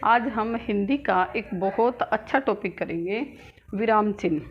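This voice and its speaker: Female teacher, patient repetitive delivery, muffled recording with light background noise. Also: mid-range voice. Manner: slow, repeats key words, many "uh" fillers. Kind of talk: classroom grammar lesson. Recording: dull lo-fi sound with faint noise.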